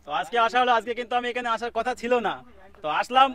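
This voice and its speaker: A man, a local social media creator chatting outdoors in a jokey, playful way with a loud sing-song streak. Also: extremely high pitch, steady tone, rapid-fire. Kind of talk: casual chat with playful chanted rhyme. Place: outdoors by a riverbank.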